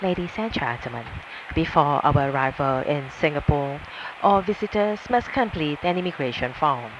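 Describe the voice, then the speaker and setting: A man's voice: on the high side, lively intonation, moderate pace. A male flight attendant reading a formal, polite scripted announcement over an aircraft cabin PA. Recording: muffled aircraft cabin PA, loud engine noise.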